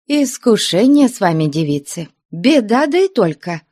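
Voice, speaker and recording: A woman voicing a good-natured older nun who scolds the convent girls in a high, indignant voice. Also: sing-song, a little slow, a little mellow, no room sound, clean studio sound. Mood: grumbling. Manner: scolding, shrill, scandalized.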